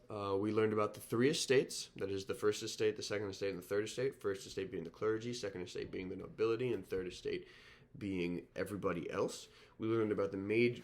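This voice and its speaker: A male history teacher with a sore throat gives a recorded lecture informally. His voice is lowish and slightly nasal, with frequent ums and restarts.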